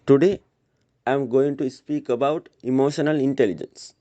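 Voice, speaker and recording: A man giving a prepared motivational speech at a school assembly, speaking earnestly and deliberately, straight to his listeners. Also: mid-range voice, steady tone, dark tone, lo-fi sound.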